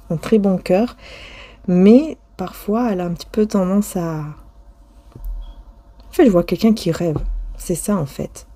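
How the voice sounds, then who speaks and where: Female tarot reader, mellow lower voice, halting and intimate delivery. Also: dry recording. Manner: hesitant, restarts often, many fillers; addresses viewer directly, intimate. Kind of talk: casual spoken tarot reading.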